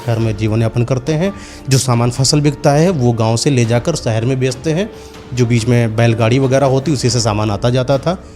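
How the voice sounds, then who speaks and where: A man's voice: mid-range voice, a little mellow. A man narrating a horror story in a loose, conversational way, with fillers and repeated phrases.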